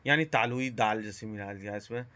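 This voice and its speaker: A man giving a spoken lesson on speech sounds, pausing often, correcting himself and dropping in English terms. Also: lowish voice, pushed and bright. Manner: halting, self-correcting, mixes English terms. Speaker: teacher. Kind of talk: spoken lecture on phonetics.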